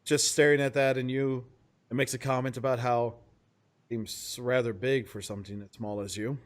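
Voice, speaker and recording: A man's voice: mid-range voice, fairly even intonation, moderate pace. Laid-back male game master. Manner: loose, chuckling, with many fillers. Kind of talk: narrating a tabletop game.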